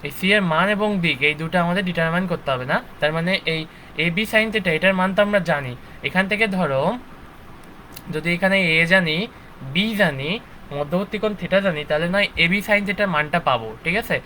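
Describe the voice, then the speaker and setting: During a live online physics lecture, a young instructor checks in constantly with "ঠিক আছে?" and "okay" after almost every point. He speaks briskly in a high, sharp-toned voice, and the poor-quality audio carries a slight hiss or hum.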